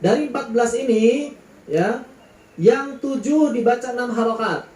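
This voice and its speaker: A man's voice: very high voice, unhurried, darkish tone, echoey room, poor audio. A man teaching Quran recitation. He explains patiently, draws out his words and sings the letter names.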